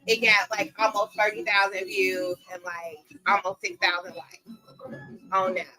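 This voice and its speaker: A middle-aged woman, telling stories in animated, slangy casual chat with plenty of laughs. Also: mid-range voice, normal speed, rough recording. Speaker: interviewee.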